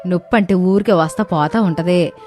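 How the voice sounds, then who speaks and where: A woman voicing a sharp-tongued mother-in-law who scolds and brushes others off in a storybook tale. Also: fairly low pitch, normal speed, soft background music, close to an everyday voice. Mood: dismissive. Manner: scolding and dismissive.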